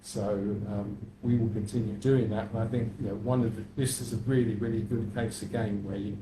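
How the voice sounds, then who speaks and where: Man, campaign speaker at a panel; measured, hesitant delivery, low voice, roomy sound. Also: little pitch movement. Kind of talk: panel talk. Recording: echoey room, faint noise.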